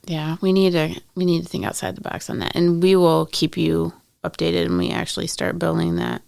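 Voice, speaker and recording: A woman co-hosts a podcast in a fairly low voice, heavily laced with vocal fry. Her talk is casual and agreeable, backing up what is said. The sound is dry, with little room to it. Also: flat delivery, fairly quick, a little mellow, dry recording. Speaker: podcast co-host. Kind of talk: casual chat.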